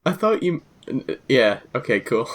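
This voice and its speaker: A man's voice: mid-range voice, big pitch swings, unhurried, fairly bright tone. A man co-hosting a podcast, often puzzled and asking questions in casual chat. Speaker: podcast co-host.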